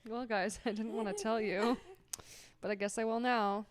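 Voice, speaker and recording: A woman's voice: fairly high pitch, fairly even intonation, moderate pace. A young adult woman hosting a casual podcast chat, rambling, giggling often and swearing freely. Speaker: podcast host.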